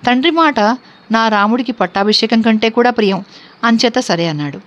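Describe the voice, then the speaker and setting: Grieving captive princess, devoted young wife, read by a woman; fairly high voice, dull lo-fi recording. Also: expressive, a little fast, lightly acted. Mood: sorrowful. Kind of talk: scripture reading.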